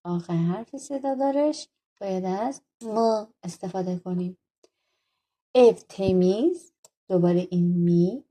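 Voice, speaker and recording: A woman's voice: fairly low pitch, dark tone, breathy edge. A woman teaching a language lesson, working patiently through textbook exercises, asking questions and answering them herself. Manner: patient, asks questions then answers them, slow over example phrases.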